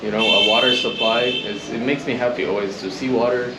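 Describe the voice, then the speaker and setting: A man's voice: mid-range voice, steady tone, brisk, reverberant, heavy background noise. A young man from Turkey who makes vlogs, chatting casually and filling his talk with "like" and "you know.". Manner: easygoing, fills with "like" and "you know". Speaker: vlogger. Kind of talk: casual chat.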